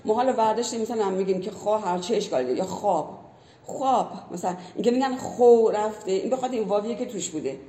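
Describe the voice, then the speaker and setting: A woman's voice: medium pitch, dark tone. Earnest woman teacher in a roomy echo. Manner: earnest, explains with many spoken examples. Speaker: language teacher. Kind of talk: explanatory conversation.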